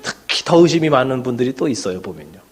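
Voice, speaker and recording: A man preaching to his congregation in an easy, conversational way, dropping frequent fillers and little asides as he talks. His voice sits at a middle pitch for a man, and he sounds like a pastor speaking from a church sanctuary. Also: animated, fast, faint music behind. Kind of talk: sermon.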